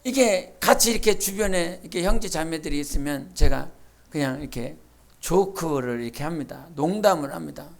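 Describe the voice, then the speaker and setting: A woman pastor preaching a sermon in a church, with emphatic bursts, quiet asides and acted-out quotes. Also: low voice, expressive, moderate pace, gravelly. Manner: acts out quoted speech and imitates sounds. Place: church sanctuary.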